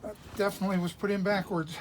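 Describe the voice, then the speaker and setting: High-voiced salesman explaining a repair. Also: little pitch movement, quick pace. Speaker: tractor salesman doing a repair.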